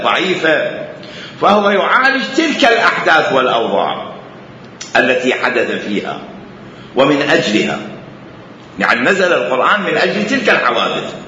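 In a dull, lo-fi recording from an echoey hall, a man with an Iraqi Arabic accent lectures on Islamic jurisprudence. He presses his points hard, repeating phrases for emphasis. His voice is on the high side, bright and forceful, with slight background noise.

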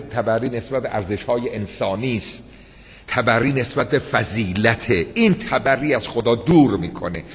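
A man delivering a religious sermon, telling stories in a slow, emphatic way and rising to impassioned peaks. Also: mid-range voice. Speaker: preacher. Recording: long hall reverb.

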